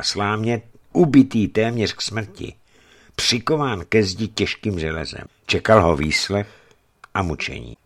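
A man narrating a novel as an audiobook, telling it in a dramatic, expressive way. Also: lowish voice.

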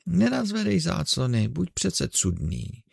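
A man voicing an eccentric old male showman in an audiobook, loudly ordering people about. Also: fairly high pitch, huge pitch swings, gravelly, breathy edge, no room sound, studio quality, pitched above the performer's own voice, heavily acted. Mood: bossy. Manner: exclaiming, bossing others about. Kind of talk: audiobook character reading.

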